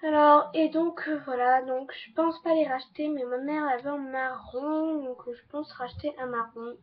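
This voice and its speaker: A woman's voice: high voice, fairly even intonation, moderate pace, dull audio. A teenage girl casually reviewing her makeup, chatty and repetitive, filling her talk with little stock phrases. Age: teens. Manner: chatty, repeats "donc voilà" and "trop, trop bien". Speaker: beauty vlogger. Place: bedroom with a fan running.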